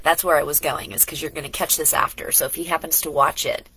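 In a rough recording with slight background noise, a middle-aged woman with a low voice and sharp tone vlogs casually from her indoor home studio. This lifestyle vlogger is chatty and rambling, talking in asides and restarts, and sounds a little congested from a cold.

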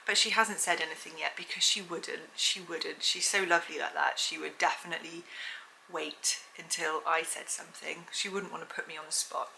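Woman in her 40s, vlogging, a bit out of breath, chatty, slightly low and gravelly. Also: moderate pace, a little hiss or hum, poor audio. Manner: chatty, upbeat, breaks into excited whoops. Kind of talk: casual pregnancy update vlog.

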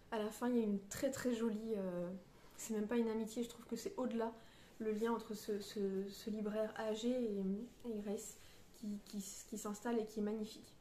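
A woman's voice: fairly high pitch, reverberant, a little hiss or hum. A woman reviewing a novel in a casual book vlog, hesitant and searching for her words, with many fillers and restarts. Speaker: book vlogger. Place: on a beach.

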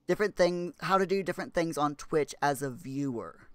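A man's voice: on the high side, animated, moderate pace, fairly bright tone, clear, resonant tone, no room sound. A man chatting casually while live-streaming a game, rambling and restarting his sentences.

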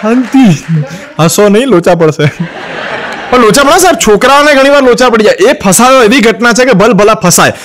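A man's voice: extremely high pitch, fairly bright tone. A man with a Gujarati accent from Ahmedabad, telling jokes as a stand-up comedian and acting out the quoted wives and husbands in raised voices. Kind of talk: Gujarati joke telling to camera.

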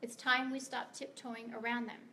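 With vocal fry and a pushed, bright quality, a middle-aged American woman speaks at normal speed in a slightly high, flat voice. She is a guest author delivering a prepared, earnest and emphatic speech to a meeting in a library room, sometimes stumbling, against slight background noise.

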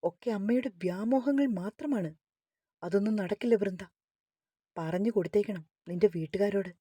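Woman narrator doing a scornful young male boss, harsh and scolding, a mellow, somewhat lower tone. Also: normal speed, husky, no room sound, clean studio sound, natural voice. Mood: angry.

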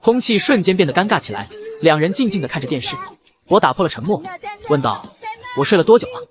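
A man tells a comic story quickly in scripted narration, his somewhat high pitch swinging widely. He has a brisk, lively storyteller's drive, with a crowd audible in the background.

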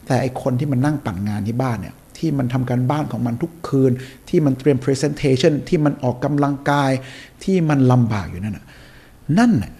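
A man speaking as a podcast guest with a husky, breathy edge and a dark, mellow tone. He talks in an emphatic, preachy way, circling back to drive each point home. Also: medium pitch, animated, a little fast. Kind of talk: motivational conversation.

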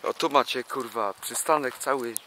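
A young male vlogger strolls through a housing estate, filming himself on a handheld camera as he grumbles and swears constantly in a rambling monologue. His mid-range voice has a sharp tone and a moderate pace. Faint outdoor ambience can be heard, including a dog nearby.

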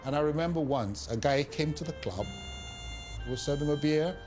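A man's voice: a little high, fairly quick, music in the background. Man telling his story in an interview. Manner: relaxed storytelling, acts out quoted voices. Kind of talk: documentary interview. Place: indoor room with art behind.

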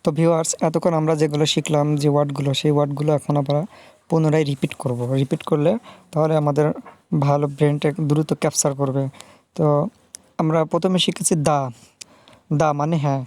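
A man gives a video language lesson in a fairly high voice. He talks patiently and repeats each word and its meaning several times, slowing down to sound it out. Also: level tone, darkish tone, no echo. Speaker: language teacher.

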